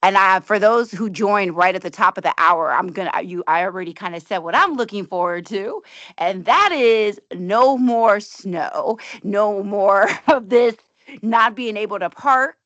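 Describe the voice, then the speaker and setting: A woman's voice: medium pitch, unhurried, a bit bright, dry recording, lo-fi sound. A woman leading an online meeting while driving. She chats casually, laughs often and makes fun of herself. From Washington, D.C. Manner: chatty, laughing often, self-mocking. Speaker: meeting facilitator. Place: in a car, driving. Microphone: video call.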